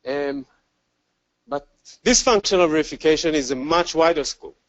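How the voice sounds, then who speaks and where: A man with an Israeli accent presents a technical talk at a conference, pausing often with ums and restarting sentences. His voice sits a little high for a man, and the recording is dry and dull, with a lo-fi edge. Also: a bit bright, dry recording. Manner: self-deprecating, many fillers and restarts. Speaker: conference speaker.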